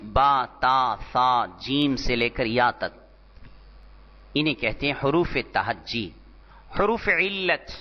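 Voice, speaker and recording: Man, lecture recording Urdu Arabic teacher, slightly high voice. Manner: slow deliberate explanation, repeating terms. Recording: dull lo-fi audio in a reverberant hall.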